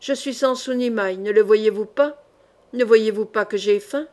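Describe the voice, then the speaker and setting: A woman voicing a proud, hungry young male knight who speaks gruffly but kindly, read in an audiobook. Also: mid-range voice, normal speed, close to an everyday voice. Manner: gruff, then gentle.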